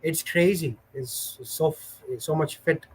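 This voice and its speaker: Speaking slowly in a high-ish, breathy voice over a rough recording, this man hosts a casual livestream. He tells stories and reads viewer comments, his chatter rambling, hesitant and full of fillers.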